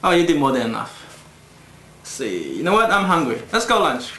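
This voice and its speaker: An actor playing a brisk, upbeat man who runs a cargo office, recorded in an echoey room with faint music. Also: fairly high pitch, wildly swooping pitch, bright, forceful tone, slight background noise, exaggerated voice. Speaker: office boss. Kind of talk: low-budget film acting.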